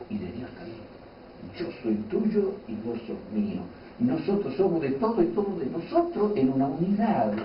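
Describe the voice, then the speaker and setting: A male preacher delivers a fervent, conversational sermon. His voice comes from a distance in a roomy church hall with a dull, lo-fi sound and faint ambient noise. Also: medium pitch.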